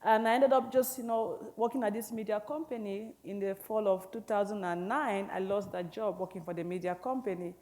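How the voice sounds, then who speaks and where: A woman in her early forties from Cameroon, an author speaking thoughtfully on stage, often pausing with "you know". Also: mid-range voice, a little mellow. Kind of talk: onstage conversation. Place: public library event hall.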